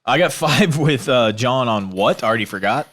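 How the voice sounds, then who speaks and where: Man, podcast co-host, casual chat, swears, laughs a lot, very animated pitch. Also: normal speed. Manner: laughs often, swears, jokey.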